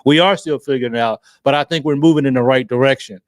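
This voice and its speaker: A man's voice: mid-range voice, quick pace, dry recording. Emotional, effusive man with a dry sound. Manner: emotional, effusive, repeats himself, restarts phrases. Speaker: livestream sports show host. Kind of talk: excited casual fan commentary.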